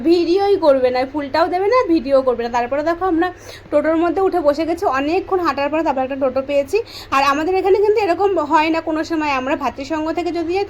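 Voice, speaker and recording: A young woman vlogger talks to her viewers in a rapid, rushing patter. Her voice sits high and light, and a faint hum of ambience runs behind it. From West Bengal, India. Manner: says she speaks softly for this voice-over; chatty, addresses viewers directly. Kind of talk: casual vlog voice-over.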